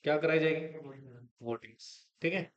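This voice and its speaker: A man's voice: a little high, normal speed, lo-fi sound. A male teacher giving a classroom lecture in Hindi, often asking students questions and repeating the answers himself. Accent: Indian English.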